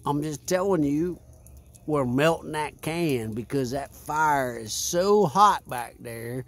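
A man hosting a casual outdoor beer review by a fire, rambling and repeating himself in a laid-back way. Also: on the high side. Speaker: vlog host.

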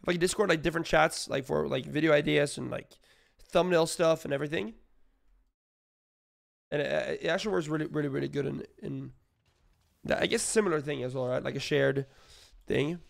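A man streaming live with a sick, hoarse voice, chatting casually with his viewers in a rambling way. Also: on the high side, a little fast, long pauses. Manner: rambling, filler-heavy, greets chat.

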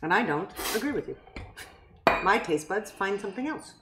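A woman's voice: medium pitch, animated, moderate pace, roomy sound, very noisy. A woman co-hosting a food and drinks show, chatting and teasing her co-host with dry humor. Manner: wry, teasing, talkative. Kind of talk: casual chat.

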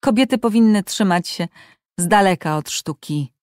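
A woman's voice: medium pitch, moderate pace, darkish tone, no room sound, clean studio sound, natural voice. A woman voicing a pompous man who makes declarations in an audiobook.

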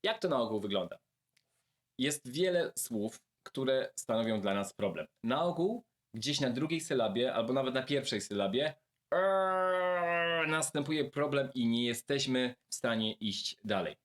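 A man giving a video lesson, speaking directly and warmly to his viewers and slowly repeating words to show how to pronounce them. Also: mid-range voice, expressive. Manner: friendly, addresses viewers directly. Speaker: language teacher.

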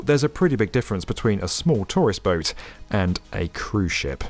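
Lively male documentary narrator. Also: medium pitch. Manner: lively, upbeat explainer delivery. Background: faint background music.

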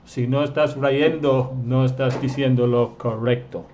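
A man's voice: mid-range voice, flat delivery, unhurried, a little mellow, a little hiss or hum. A man teaching an English lesson live online, reading chat questions and stretching out number words to show their pronunciation.

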